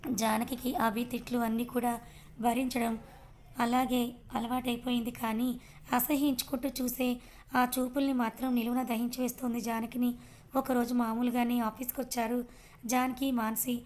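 A woman narrating an audio story in a soft, even reading voice. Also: fairly high pitch, moderate pace.

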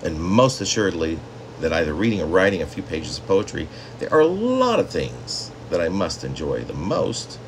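This man in his fifties has a low voice with huge swings in pitch and speaks at a normal pace. Sitting in a small home room, he chats to the camera and reads poetry like a poet presenting his own pieces, rambling conversationally over slight background noise.

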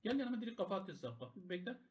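A man calling the shots in gaming voice chat, barking rapid repeated commands and swearing freely. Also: high-pitched, big pitch swings, crowd noise. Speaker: clan war shot caller.

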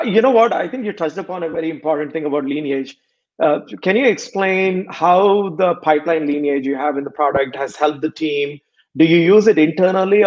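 A man's voice: fairly high pitch, darkish tone. Hesitant man on dull video-call audio. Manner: hesitant, many fillers. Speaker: host, interviewer. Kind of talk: video call interview questions. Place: home room indoors. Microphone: webcam on video call.

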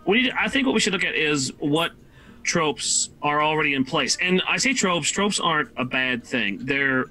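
A man co-hosts a relaxed livestream, thinking aloud and pausing often to search for words. His voice is bright and forward, pitched slightly high. Soft music plays in the background. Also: low-quality recording. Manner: thoughtful, hesitant, lots of fillers. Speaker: co-host. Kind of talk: casual livestream chat.

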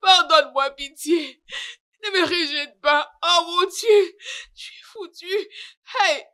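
A woman's voice: high-pitched, expressive, unhurried, sharp tone, full character voice. A woman dubbing a proud wife who begs her husband for forgiveness, pleading and sobbing, in a French-dubbed film.

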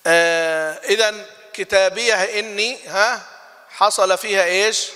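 Bright high-voiced man teaching recitation. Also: fairly even intonation, clean tone. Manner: explains with questions to students, chants example verses slowly. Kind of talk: classroom lesson on recitation rules. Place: mosque lesson hall. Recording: long reverb of a hall.

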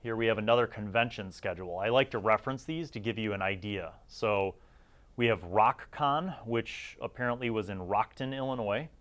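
Hosting a gaming series, this middle-aged man offers informal, conversational reviews in a lowish voice. His delivery is chatty, and he stresses the important words.

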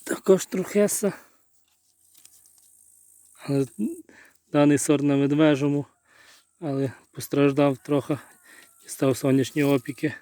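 A man with a Ukrainian accent, a nursery grower, reviewing his hazelnut bushes outdoors in an unhurried, halting way, thinking aloud, recorded on a phone camera. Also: a little high, fairly even intonation, dark tone, dry recording. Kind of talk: casual walk-through plant review. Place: outdoors in a garden.

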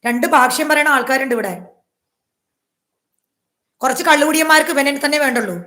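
A woman vlogger pours out a personal account to her viewers at a rapid clip, her voice sitting a little high. She is emphatic and aggrieved, circling back to repeat her points, and the room around her rings with echo. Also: sharp tone. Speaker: YouTuber. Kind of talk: personal vlog monologue to viewers. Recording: echoey room.

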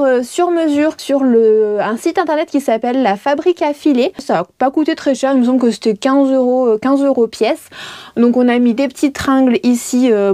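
In a dry recording, a vlog host with a high, mellow voice tours a small van lined with wood. She's in her thirties and keeps it casual, chatty and jokey, hesitating often as she shows things off.

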